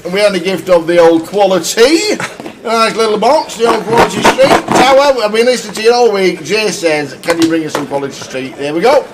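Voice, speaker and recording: High-voiced, chatty British poker commentator. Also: male voice, animated, a little fast, very noisy. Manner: chatty, jokey, reads out the seating line-up.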